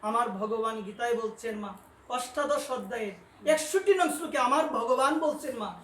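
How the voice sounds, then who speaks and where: A man preaching a devotional sermon, questioning his listeners, addressing them as mother, and rising to loud, emphatic peaks. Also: very high voice, moderate pace. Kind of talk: devotional sermon with call-and-response. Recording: roomy, distant mic with faint noise.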